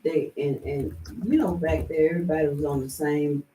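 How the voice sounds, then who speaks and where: A woman's voice: low-pitched, fairly even intonation, moderate pace, mellow. An older woman, rambling through memories at a community meeting, often restarting her sentences. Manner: rambling, with frequent restarts and chuckles. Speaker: elder at a community heritage meeting. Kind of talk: casual reminiscing in a group. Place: indoor meeting room. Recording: roomy, from far off, faint background noise.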